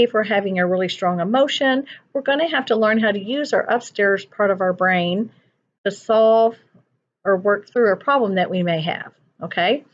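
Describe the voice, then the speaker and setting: A woman school counselor teaching children like a kids show host, explaining simply and often checking they follow. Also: mid-range voice. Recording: dull lo-fi sound.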